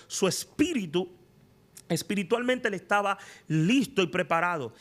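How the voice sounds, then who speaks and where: High-voiced man preaching a sermon. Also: fairly bright tone. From Latin America. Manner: preaching with emphatic rhetorical questions. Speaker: prophet and teacher. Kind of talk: sermon teaching.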